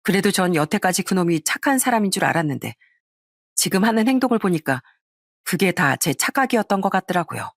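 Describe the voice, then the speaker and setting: A woman's voice: fairly low pitch, lively intonation, brisk, no echo. Brief: female audiobook narrator, confiding first-person telling, dry close read. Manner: confiding, storytelling.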